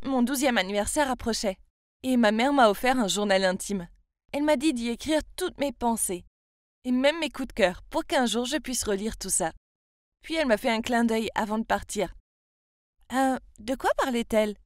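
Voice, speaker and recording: A young woman from France narrates her own story in a confiding, chatty tone. Her voice sits fairly high and sounds close and dry, with no room around it. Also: no room sound. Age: 20s. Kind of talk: scripted first-person story narration.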